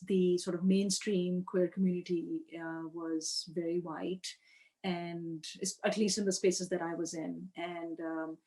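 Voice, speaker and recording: A woman from Karachi who works as a professor, talking about her life in a soft, hesitant, conversational way. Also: fairly low pitch. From Pakistan, Karachi. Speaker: political science professor. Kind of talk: casual conversational storytelling.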